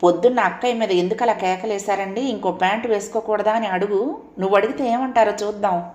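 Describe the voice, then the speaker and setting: A woman's voice: mid-range voice, quick pace, a little mellow, echoey room, muffled recording, voice pushed up, close to an everyday voice. A woman voicing an outspoken housewife in an audio story, speaking firmly and frankly. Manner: firm, lecturing.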